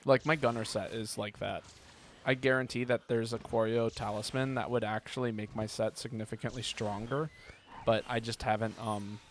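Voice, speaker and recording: A man's voice: mid-range voice, fairly even intonation, normal speed. Man rambling through a game stream, noisy background. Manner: rambling, thinking aloud. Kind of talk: casual live gaming commentary. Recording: clear background noise.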